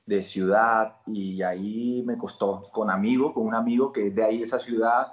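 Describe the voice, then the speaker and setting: Colombian man, lively storyteller, echoey room. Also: on the low side, moderate pace, dull audio. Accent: Colombian Caribbean. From Colombia, Barranquilla. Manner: animated storyteller, laughs while acting out lines. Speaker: actor guest. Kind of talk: casual interview chat.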